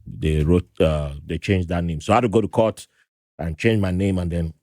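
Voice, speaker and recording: A man's voice: low voice, normal speed, no echo, clean studio sound. A man hosting a casual podcast interview, telling stories with laughter and acted-out voices. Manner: animated storyteller, laughs often, acts out quoted voices. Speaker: podcast host.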